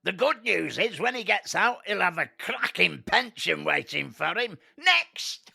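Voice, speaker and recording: A pompous, bigoted judge, as a man puts him on, blustering out harsh sentences in a bright, forceful voice with a gravelly edge. His pitch jumps around a lot, and faint music plays underneath. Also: expressive, normal speed, full character voice.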